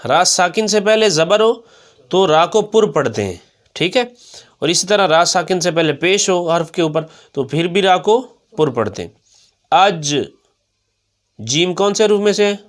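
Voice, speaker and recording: A man with a Pakistani Urdu accent teaching Quran pronunciation in a fairly high voice. He drills each syllable slowly and repeats it, asks questions and answers them himself. When he recites, he stretches out and intones the words. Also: animated.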